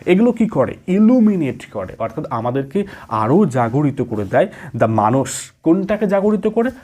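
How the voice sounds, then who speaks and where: A man giving an exam-prep lecture from home, reading English definitions slowly and then explaining them in quicker talk with fillers. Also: on the high side, very animated, warm tone. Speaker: teacher.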